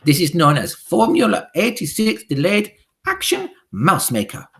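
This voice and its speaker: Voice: medium pitch, wildly swooping pitch, unhurried, vocal fry, fairly bright tone, voice pushed up, heavily acted. A reader voicing a tiny, furious female witch leader who screeches and speaks with odd foreign-sounding grammar, in an audiobook. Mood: commanding. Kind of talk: audiobook character voice.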